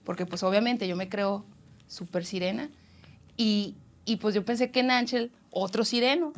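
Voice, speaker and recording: A young Mexican woman telling a frightening personal story in casual chat, animated and swearing freely. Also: medium pitch, moderate pace. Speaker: guest.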